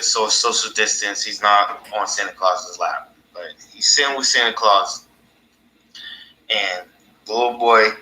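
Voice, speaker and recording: A man's voice: lowish voice, pushed and bright. A man hosting his own podcast in a casual, rambling monologue, laughing at his own stories. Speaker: podcast host. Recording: echoey room.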